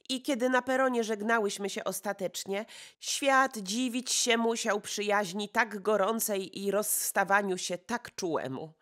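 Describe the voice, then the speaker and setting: Woman doing an excitable gossipy society lady. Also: medium pitch. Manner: breathless exclamations, gossipy rush. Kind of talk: audiobook character reading.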